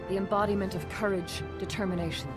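A woman's voice: mid-range voice, fairly even intonation, fast, close to an everyday voice. A woman playing a stately council leader. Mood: formal. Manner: formal, ceremonial. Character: female alien council leader, formal and stately. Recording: game audio under loud music.

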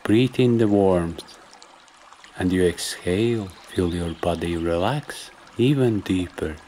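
Reading from a script, a deep-voiced man guides a meditation, speaking very slowly and softly with measured instructions and pauses between phrases. Behind him is a nature ambience with a faint trickling stream and slight background noise.

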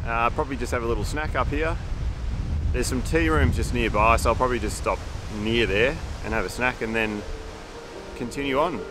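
A man, chatting easily with fillers while walking a windy forest trail, filmed on a camera held at arm's length. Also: mid-range voice. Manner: easygoing, meandering, with many fillers. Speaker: hiking vlogger. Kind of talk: casual walking commentary. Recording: background music over outdoor audio. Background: clear music.

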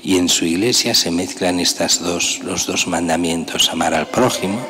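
A man's voice: low voice, normal speed. An older man, a priest, preaching a homily at a lectern in a large church, with a conversational, emphatic way of talking and pointed rhetorical questions. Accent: Spanish. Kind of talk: sermon. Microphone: gooseneck lectern mic. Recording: long church reverb, faint hiss.

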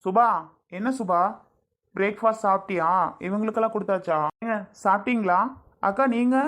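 A woman playing a gentle, attentive young groom who fusses over everyone in a family drama. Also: mid-range voice, fairly quick, close to an everyday voice. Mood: fond. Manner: fussing, affectionate.

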